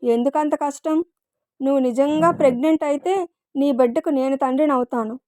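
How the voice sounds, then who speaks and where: A woman's voice: high voice, normal speed, darkish tone, dry recording, clean studio sound, natural voice. A woman voicing a young man who teases, then turns protective and firm, in a storybook reading. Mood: gentle. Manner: teasing, commanding, sarcastic.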